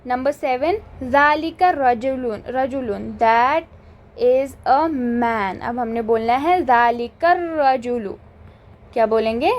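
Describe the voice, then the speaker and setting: A woman with a high voice teaches an Arabic grammar lesson and speaks very slowly and deliberately. She reads each example sentence and then translates it word by word. She often stops to ask if the point is clear. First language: Urdu. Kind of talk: grammar lesson in mixed Hindi-Urdu and English.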